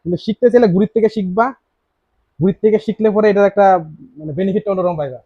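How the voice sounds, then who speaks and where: A man's voice: high voice, fast, dry recording. A man teaching a grammar lesson in with a tinge, quizzing his students with many questions and repeating key words. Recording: dry, slightly dull lo-fi sound.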